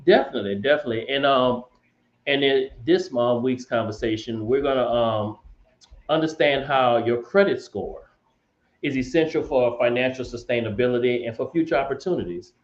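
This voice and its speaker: A man as a financial guest explaining in a casual chat, measured and hesitant with many ums. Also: mid-range voice. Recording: roomy, dull remote audio.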